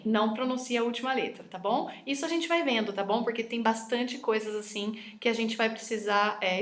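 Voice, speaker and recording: Chatty woman teaching with slides. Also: on the high side. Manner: chatty and enthusiastic, often ends with "tá?". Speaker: French teacher. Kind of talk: online lesson over slides. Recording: echoey room.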